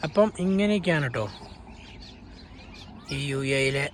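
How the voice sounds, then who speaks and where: A man's voice: on the high side, measured pace. A man with a Malayali accent chatting casually for an outdoor travel vlog, mixing English words into his Malayalam. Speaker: vlogger. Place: outdoors in the open. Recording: noisy outdoor recording with animal and vehicle sounds.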